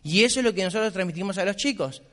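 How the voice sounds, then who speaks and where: A middle-aged man with a Rioplatense Argentine accent delivers a motivational business talk in a high voice. He is emphatic and insistent, hammering points through repetition. His voice carries a long reverb tail from a large convention hall. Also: lively intonation, rapid-fire, fairly bright tone. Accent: Rioplatense Argentine Spanish. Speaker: motivational speaker.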